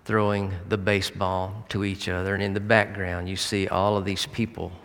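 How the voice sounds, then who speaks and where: A preacher retelling a film story in a sermon, halting with fillers and restarts. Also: male voice, sits low, flat delivery, fairly bright tone, big-room sound.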